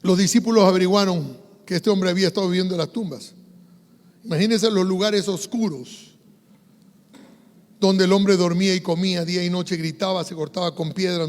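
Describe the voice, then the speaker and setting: A male pastor with an Ecuadorian Spanish accent delivers a sermon in a high voice. He drops to a hush and then rises into fervent, loud preaching. The sound carries the long reverb of a large church hall. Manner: swings from hushed to loud, preaching fervor.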